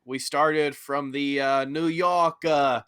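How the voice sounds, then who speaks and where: A man's voice: on the high side, steady tone, slow pace, a bit bright, smooth, no echo, studio quality. A man hosting a casual podcast, joking and laughing often as he talks with friends. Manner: jokey, laughs often, playful bits. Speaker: podcast host.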